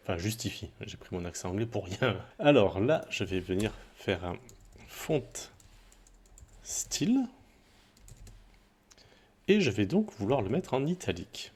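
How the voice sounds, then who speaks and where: A man explaining a coding tutorial in a relaxed, chatty way, with small asides and self-corrections. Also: medium pitch, breathy edge. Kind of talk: screen-recorded coding tutorial.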